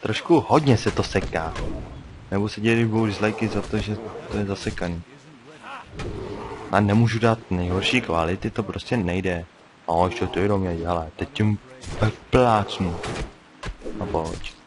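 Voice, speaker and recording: Low-voiced man chatting over gameplay. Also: long pauses. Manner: chatty, mutters to himself while playing. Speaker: gameplay commentator. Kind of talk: casual let's-play commentary. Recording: faint hiss.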